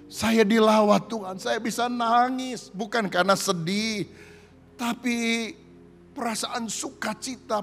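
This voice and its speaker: Preacher, man, fairly high gravelly voice, storytelling sermon, booming hall reverb. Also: a bit bright. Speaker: pastor.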